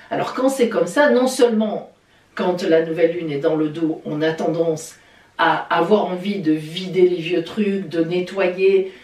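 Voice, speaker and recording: A woman astrologer giving a weekly horoscope in a lively, chatty way, with playful exclamations. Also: fairly low pitch. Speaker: astrologer and psychic. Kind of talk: weekly horoscope video talk. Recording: echoey room, voice a bit distant from the mic.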